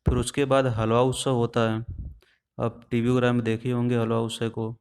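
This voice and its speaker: A man at an ordinary middle pitch teaches exam prep step by step, frequently asking the class something and then giving the answer himself. His delivery is flat and moderately paced, and his clean tone is a little mellow.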